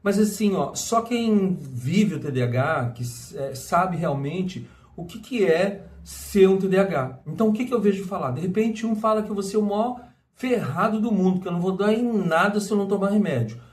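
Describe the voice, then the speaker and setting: A man's voice: high voice, expressive, moderate pace, a little mellow. A middle-aged Brazilian man talking casually to camera, rambling with many restarts and tag questions. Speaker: vlogger. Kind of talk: casual personal monologue.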